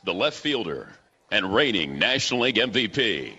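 A man working as a ballpark announcer, heard over a stadium PA system, booming and stretching out the names in a drawn-out player introduction. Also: sing-song, sharp tone, husky. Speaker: ballpark public address announcer. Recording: dull played-back PA clip.

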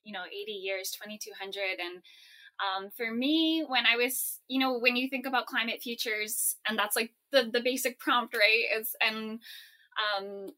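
Bright-voiced woman from Hawaii, hesitant. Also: fairly high pitch, steady tone, a little slow. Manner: thoughtful, hesitant, many fillers. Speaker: guest, story writer. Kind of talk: interview answer.

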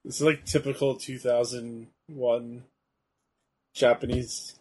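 A man's voice: medium pitch, flat delivery, slow, a little mellow, slightly rough, low-quality recording. A young man chatting easily and giving short answers while playing a game with a friend. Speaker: co-host. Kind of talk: casual gaming chat.

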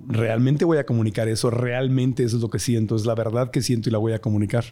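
A man's voice: mid-range voice, fairly even intonation, fast talker, mellow. A male podcast host in casual conversation, readily agreeing and adding his own points. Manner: agreeable, chimes in with affirmations.

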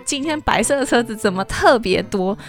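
A woman's voice: fairly high pitch, lively intonation, brisk, soft background music. Chatty young woman storyteller. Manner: candid, chatty, earnest. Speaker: podcast host. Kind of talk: personal storytelling podcast.

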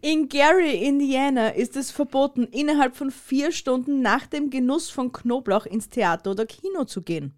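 A woman's voice: sits high, expressive, moderate pace, hardly any pauses. A woman co-hosting a casual comedy podcast, playful and teasing, laughing a lot. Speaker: podcast co-host.

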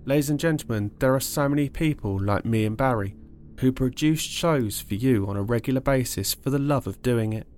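A man's voice: medium pitch, fairly quick, darkish tone. A man hosting a podcast, reading his closing notes and appeals to listeners in an earnest, pleading way. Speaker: podcast host. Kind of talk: scripted podcast narration.

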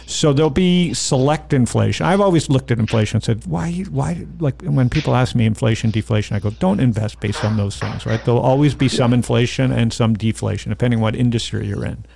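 A man's voice: medium pitch, a little fast, vocal fry, few pauses, a little mellow, slight background noise. A man interviewing in a casual, opinionated way, often repeating short phrases. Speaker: interviewer and investor.

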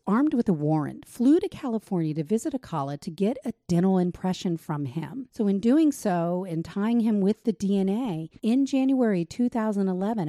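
A woman's voice: medium pitch, warm tone, no room sound. A woman host narrating a true crime story in a casual, conversational way, with dry sarcastic asides.

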